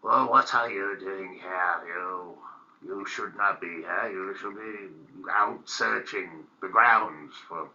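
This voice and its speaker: A man voicing a stern scolding character in a deliberately bad Welsh accent. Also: deep voice, bright, forceful tone, lo-fi sound, pitched below the performer's own voice, full character voice. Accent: Welsh, imitated.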